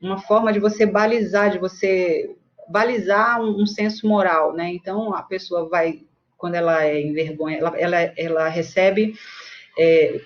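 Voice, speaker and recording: A woman's voice: lowish voice, steady tone, normal speed, dull audio. A woman with a Brazilian Portuguese accent teaching a book study in a casual, conversational way, often checking in with tag questions and acting out examples. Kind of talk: casual spoken lesson.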